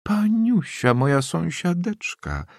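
Man playing hearty old landlady in an audiobook; raised pitch, husky grain, loud and exclaiming. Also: lively intonation, unhurried, no echo, clean studio sound. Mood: joyful.

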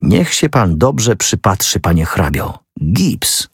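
A man's voice: lowish voice, slow, breathy edge, dry recording, studio quality, exaggerated voice. A man voicing a young male amateur sleuth who declaims in exalted bursts in a storybook reading. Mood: triumphant. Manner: excited, declaiming.

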